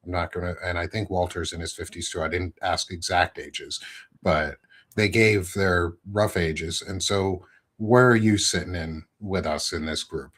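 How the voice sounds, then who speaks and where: A man's voice: deep voice, a little slow, a bit bright. A man in his thirties hosting a casual interview, rambling and correcting himself often with many ums. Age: 30s. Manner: rambling, filler-heavy, self-correcting. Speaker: podcast host.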